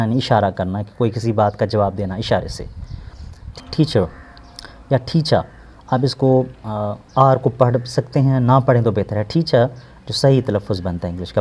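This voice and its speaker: A man with a Pakistani accent, teaching an English lesson and explaining it slowly in Urdu, with many hesitations. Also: medium pitch, warm tone.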